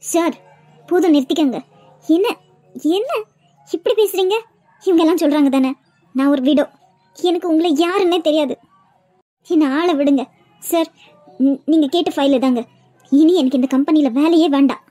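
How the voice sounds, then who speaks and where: A woman's voice: sits high, normal speed, pauses often, dark tone, no room sound, clean studio sound, soft background music, close to an everyday voice. A woman voicing a frightened young widow in a cartoon, flustered but refusing firmly, with a Kanyakumari Tamil accent. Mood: scared, firm. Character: frightened young widow, new office worker. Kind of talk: cartoon web series dubbing.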